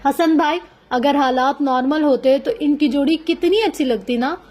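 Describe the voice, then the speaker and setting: A woman's voice: high voice, moderate pace, a little mellow, lightly acted. A woman voicing an earnest young male servant who is eager to help, in a novel reading. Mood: wistful.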